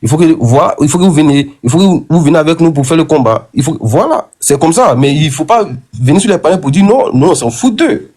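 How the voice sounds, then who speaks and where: A man in a heated online debate who lectures in a halting way, full of restarts and repeated words. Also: a little high, lively intonation, a little mellow. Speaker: debate participant.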